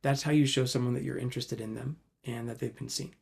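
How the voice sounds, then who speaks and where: A man's voice: mid-range voice, steady tone, quick pace, creaky, darkish tone, slightly rough. A man, a psychologist presenting a parenting webinar in a conversational way, acting out quoted examples. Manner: conversational, uses many fillers and quoted examples.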